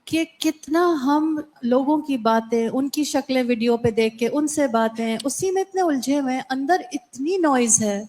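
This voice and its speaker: A high-voiced woman in a class reflects aloud to the teacher. She speaks in a reflective, personal way. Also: hardly any pauses, a little mellow. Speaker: class participant.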